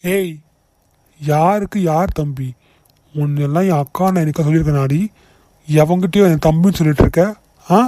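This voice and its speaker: A man's voice: a little high, fairly even intonation, normal speed, pauses often, warm tone, no room sound, close to an everyday voice. A man voicing a rude, threatening young brother in a cartoon, sneering and insulting. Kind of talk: cartoon voice acting.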